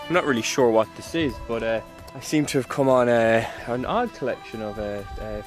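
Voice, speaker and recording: A man in his thirties, a hiker vlogger, chats casually to a handheld camera held at arm's length as he walks an outdoor trail, with music playing underneath. His mid-range voice moves fairly quickly, and he rambles candidly, full of fillers and restarts.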